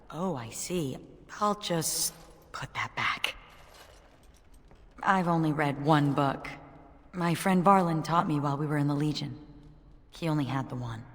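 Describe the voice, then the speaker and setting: A woman's voice: sits low, in a large hall. An actress playing an earnest, curious young warrior woman in a video game, a reflective survivor who speaks with wonder. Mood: sombre, reflective. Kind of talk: video game character acting.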